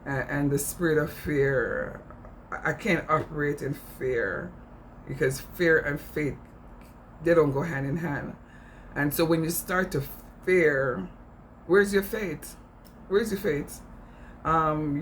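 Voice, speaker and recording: A man's voice: on the high side, slow pace, a little hiss or hum, low-quality recording. A middle-aged man with a Jamaican accent, giving impassioned, informal commentary in an earnest, emphatic way, repeating phrases for stress. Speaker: speaker on immigration issues.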